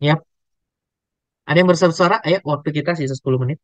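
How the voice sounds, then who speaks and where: Male public speaking trainer on a webinar, animated delivery, close dry sound. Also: fairly high pitch, fast, no room sound, rough recording. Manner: animated, demonstrates intonation with drills. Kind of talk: webinar lesson.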